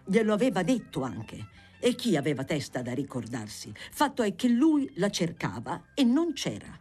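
Expressive audiobook reader of a novel. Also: mid-range voice, moderate pace, breathy edge, faint music behind. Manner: expressive, theatrical literary reading. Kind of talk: scripted reading of a novel.

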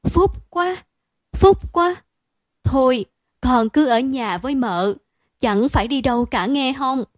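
A woman playing a loud, wailing mother. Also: a little high, a little slow, dry recording, studio quality, lightly acted. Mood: wailing, scolding. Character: distraught doting mother, shrill and scolding.

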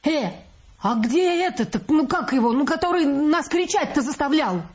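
A woman voicing a loud, quarrelsome, bossy woman passenger who scolds and accuses in a high, shrill voice. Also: lively intonation, moderate pace. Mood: suspicious. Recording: muffled audiobook recording, faint music.

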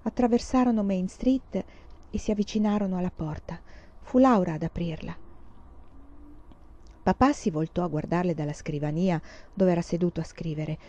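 A woman narrating a storybook with an expressive, dramatic reading. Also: fairly low pitch. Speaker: audiobook reader. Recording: dull, dry lo-fi recording.

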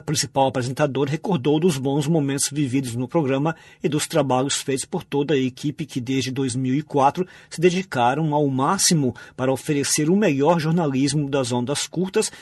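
A man's voice: medium pitch, moderate pace, few pauses, darkish tone, breathy edge, dry recording. A man hosting a radio programme, presenting from a script.

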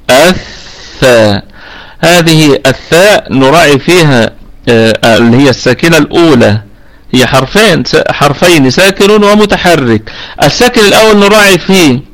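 A man with an Egyptian accent teaching Quran recitation rules in a live online class, explaining patiently and often checking that students follow, slowing down to demonstrate how words are recited. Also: a little high, a bit bright, poor audio. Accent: Egyptian Arabic. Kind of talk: live online tajweed lesson. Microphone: online voice chat room.

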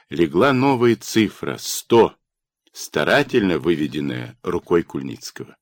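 Male audiobook narrator, low and expressive, dry studio sound. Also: no echo. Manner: expressive, with lively pitch. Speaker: audiobook reader. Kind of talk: scripted narration.

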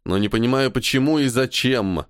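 This audiobook character voice is a gloomy, stubborn army major, a subordinate officer who meets his superior with barbed sarcasm. The male reader speaks at normal speed in a mid-range voice near his everyday tone. The studio sound is clean, with no room sound.

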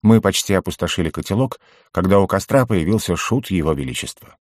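A man narrating a first-person fantasy audiobook with an expressive reading. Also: sits low, fairly quick, no room sound, studio quality.

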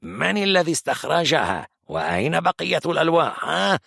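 A man voicing a hostile, impatient armed young man who interrogates harshly, in a gravelly, husky voice. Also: wildly swooping pitch, fairly quick, dry recording, studio quality, heavily acted. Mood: harsh, demanding. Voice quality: gravelly, husky, higher than narrator. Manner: harsh, threatening, demanding questions. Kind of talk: audiobook character voice.

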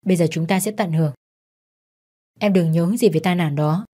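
A woman's voice: lowish voice, normal speed, mellow, natural voice. Woman voicing a pushy scheming man. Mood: urgent, cold. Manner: urgent, pushy. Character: cold scheming man, callous lover.

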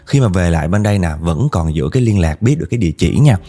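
Man, lowish mellow voice, casual storyteller, gets animated quoting people. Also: very fast, faint music behind. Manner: animated, rises in pitch when quoting angry speech.

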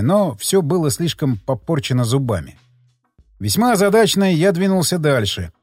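A man narrating a tense first-person story in an expressive reading voice. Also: on the high side, slightly rough, no room sound. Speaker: audiobook narrator. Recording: dry close mic with faint music.

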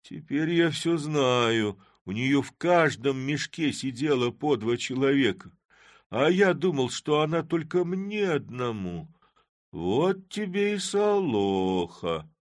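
A man voicing a boisterous, sly middle-aged Cossack who talks in loud, mocking exclamations, in an audiobook reading. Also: mid-range voice, big pitch swings, slow, no room sound, studio quality, pitched above the performer's own voice.

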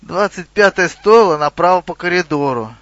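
A man's voice: high-pitched, animated, normal speed, fairly bright tone, dry recording, highs cut off. A man voicing a nervous male troll leader who grumbles and wheedles. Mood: wheedling. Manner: frightened, grumbling.

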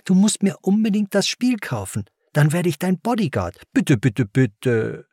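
Man putting on a high, eager twelve-year-old boy, insistent, pleading, storybook reading. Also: sing-song, measured pace, a little mellow, dry recording, studio quality, exaggerated voice.

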